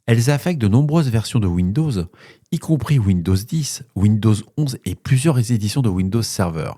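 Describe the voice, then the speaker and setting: A man with a low, mellow voice hosts a cybersecurity news podcast. He reads the bulletins, then drifts into relaxed off-script remarks full of fillers. The recording is dry and close. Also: normal speed, no echo. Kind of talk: news bulletin with casual asides.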